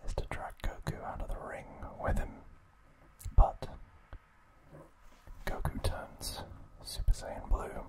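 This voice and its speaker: A man acting as an ASMR host softly whispers a recap of trivia, breaking his breathy, voiceless speech into deliberate little chunks.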